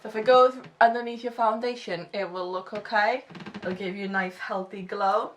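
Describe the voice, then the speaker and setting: A woman's voice: medium pitch, fairly even intonation, moderate pace, far from the mic. A woman in her twenties with a slight lisp, reviewing makeup in a chatty, self-deprecating way. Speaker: beauty vlogger. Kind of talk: casual product review.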